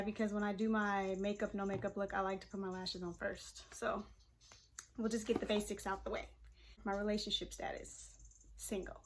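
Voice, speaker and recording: A woman's voice: mid-range voice, slight background noise. A woman in her twenties, a hairstylist, chatting casually and laughing easily while she does her makeup on camera. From Pacific Northwest of the US. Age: 20s. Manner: relaxed and chatty, laughs often, lots of fillers. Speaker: hairstylist and vlogger.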